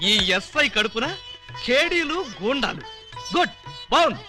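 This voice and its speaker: An actor playing an indignant police officer firing off comic retorts in a film scene. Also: male voice, very high voice, animated, a little slow, music in the background. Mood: sarcastic. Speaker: police sub-inspector. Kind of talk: Telugu film comedy acting.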